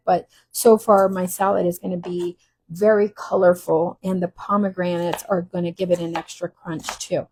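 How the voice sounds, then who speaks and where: While traveling, a cooking channel host does a casual demo in a kitchen, teary from cutting shallots. She chats in a rambling way with frequent ums, her medium-pitched voice set against a noisy background.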